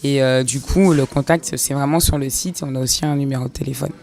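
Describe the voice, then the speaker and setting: Chatty tourism entrepreneur, fillers galore. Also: female voice, rumbling low, steady tone, fast, creaky, darkish tone. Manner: fluent but filler-heavy, says 'en fait' often.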